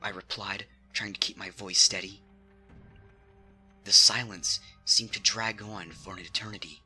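Speaking at a measured pace with fairly even intonation, a man uses a lowish, bright, forceful voice to read a scripted horror story dramatically. Music sits under the reading.

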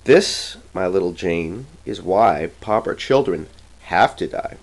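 Male reader, middle pitch, slow dramatic poetry recitation, rhythmic. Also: expressive, poor audio. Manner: slow, theatrical rhythmic delivery.

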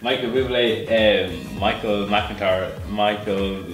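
A man's voice: lowish voice, fairly even intonation, slow pace, distant mic, over music. A young man answering quiz questions with many hesitations and fillers. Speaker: contestant. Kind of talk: casual challenge game. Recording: echoey room.

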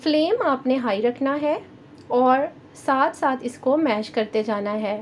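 A woman with a Pakistani Urdu accent hosting a cooking channel, giving calm step-by-step recipe instructions in a voice-over. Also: sits high, slow pace, slight background noise. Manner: calm, instructive, addresses viewers directly.

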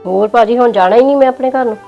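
An actress playing a married sister who protests that nothing is wrong, quick and emphatic. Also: female voice, on the high side, gravelly, mellow, lo-fi sound, faint music behind. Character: married sister Palo, touchy and defensive. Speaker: actor in a family drama. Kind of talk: village family drama acting.

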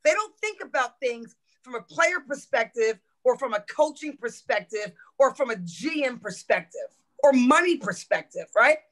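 A middle-aged woman, a former football coach, telling stories in a podcast interview, lively and swearing freely as she acts out quotes. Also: fairly high pitch, moderate pace, poor audio. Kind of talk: animated storytelling in a podcast interview.

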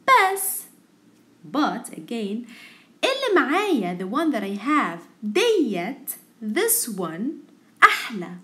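A woman's voice: on the high side, fairly bright tone. A woman with an Egyptian Arabic accent teaching a language lesson, repeating words and their translations in an instructional way.

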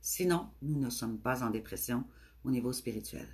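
Low-voiced Québécois woman speaking gently. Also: normal speed, slightly rough. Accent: Québécois French. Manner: gentle, affectionate, with frequent hesitations. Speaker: spiritual speaker hosting a live stream. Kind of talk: live stream talk to viewers.

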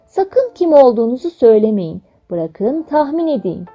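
Brief: woman doing a friendly young storybook princess, lively lilt, slightly gravelly edges. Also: a little high, normal speed, dull audio, faint music behind. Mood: delighted. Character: sweet cheerful young princess.

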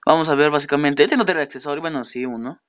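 A man's voice: on the high side, fast, fairly bright tone, highs cut off. A man giving a casual, rambling toy review, often laughing at himself.

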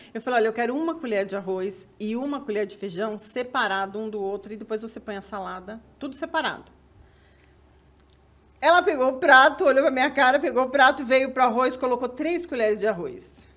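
A Brazilian woman lecturer telling a personal story in a casual, animated way. She laughs often and acts out the lines of the people she quotes. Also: a little high, fairly quick. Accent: Brazilian Portuguese. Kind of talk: casual storytelling on a video call.

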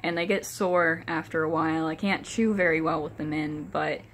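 A young adult woman giving a casual personal update to camera in a halting, hesitant way, with soft toothless articulation from having no upper dentures in. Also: low voice, fairly even intonation, slight background noise. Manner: hesitant, halting delivery with many pauses. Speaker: vlogger. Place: small furnished room indoors. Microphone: phone or camera at arm's length.

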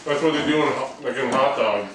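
A man's voice: mid-range voice, fast. A man chatting casually during an eating challenge, laughing often and rambling. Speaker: challenge participant. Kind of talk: casual chat. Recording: echoey room from far off, noisy.

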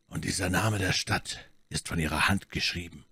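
A man's voice: deep voice, steady tone, normal speed, pushed and bright, husky, dry recording, heavily acted. A man reading the part of a grave musketeer in an audiobook, subdued and serious.

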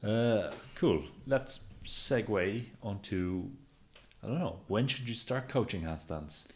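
Deep-voiced male coach telling stories. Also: takes it slowly. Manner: lively storyteller, acts out quotes. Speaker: handstand coach, podcast co-host. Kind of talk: casual podcast conversation.

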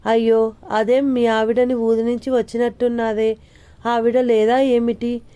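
A woman's voice: a little high, flat delivery, measured pace, dark tone, clean tone, lightly acted. A woman voicing a prying older male neighbor who lectures in a fatherly, preachy way, in an audio novel. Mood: curious.

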